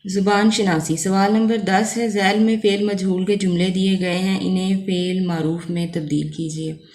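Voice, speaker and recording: A woman's voice: mid-range voice, steady tone, moderate pace, a little mellow, echoey room. A woman teacher with a Pakistani accent, patiently explaining a lesson step by step and often checking in with her students. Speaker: Urdu teacher.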